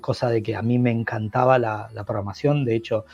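This Portuguese-speaking Brazilian, middle-aged, is an eager podcast guest whose casual interview talk wanders and often starts over mid-sentence. He has a medium-pitched, slightly mellow voice with a breathy edge, speaks a little fast, and keeps his intonation fairly even. The audio has its highs cut off.

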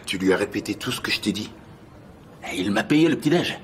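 An actor dubbing an exasperated male doctor colleague in a TV drama, flat and defensive. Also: on the low side, fast talker, slight background noise, natural voice. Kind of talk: dubbed TV drama.

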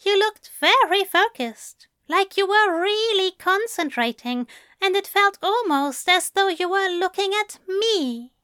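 A woman's voice: very high voice, animated, measured pace, bright, forceful tone, no room sound, clean studio sound, voice pushed up, full character voice. Aziraphale, a prim woman-voiced angel. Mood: adoring. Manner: prim, courteous, old-fashioned phrasing. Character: fussy, gentle, effusive male angel. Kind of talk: fan audiobook reading.

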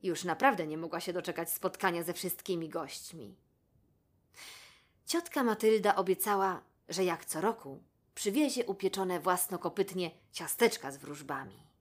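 A woman reading a children's story aloud in a gentle, measured way. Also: lowish voice. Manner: gentle, measured, addresses the listener.

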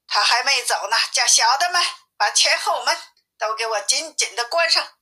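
A woman's voice: fairly high pitch, lively intonation, normal speed, bright, forceful tone. A woman voicing a threatening male demon king who barks orders in a storybook reading. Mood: commanding.

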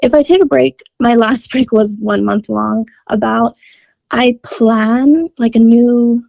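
A woman's voice: on the high side, steady tone, slow, gravelly, mellow, dry recording. A woman guest on a wellness podcast, talking upbeat and enthusiastic about fitness in a conversational interview. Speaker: guest, fitness content creator.

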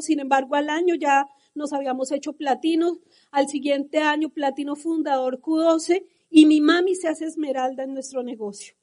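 A woman with a Colombian accent giving a passionate, animated motivational talk to a live audience at a business seminar. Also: high-pitched.

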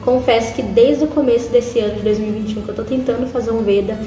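A woman in her twenties with a Brazilian Portuguese accent talks as a podcast guest in a friendly, easygoing way. Her voice is mellow and slightly high. The room is echoey, with faint music behind her. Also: steady tone, fast talker. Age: 20s. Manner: friendly, fond of diminutives. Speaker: YouTuber guest. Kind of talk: casual podcast interview.

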